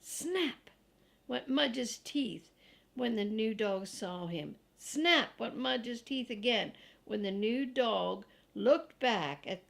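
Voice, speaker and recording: Reading a children's book in a grandmotherly way, this older woman takes a very unhurried, deliberate pace, and her fairly high, somewhat bright voice is animated yet noticeably creaky. She tosses in chatty asides for her young listeners.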